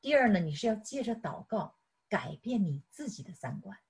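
A woman's voice: mid-range voice, big pitch swings, moderate pace, creaky, darkish tone, husky. A middle-aged woman teaching a sermon on prayer, chiding her listeners with rhetorical questions and stumbling over repeated words. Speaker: Bible teacher.

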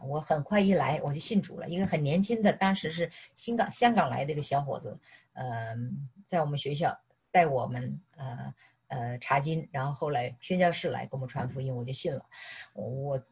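A middle-aged woman from mainland China gives an animated sermon, mixing personal testimony with questions to her listeners. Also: sits low, slightly rough. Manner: animated, repeatedly asks "是不是". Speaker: preacher.

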